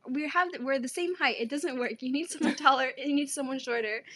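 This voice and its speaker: A young woman co-hosting a podcast, telling animated, profane stories in casual chat with her friend. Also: sits high, a little fast. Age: young adult. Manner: animated storytelling, swearing, laughing often. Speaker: podcast co-host.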